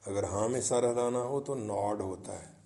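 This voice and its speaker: A man with a lowish, gravelly, mellow voice teaches English by retelling a story, then reading English lines aloud and translating them for students. He explains pronunciation and word meanings, and the room is reverberant.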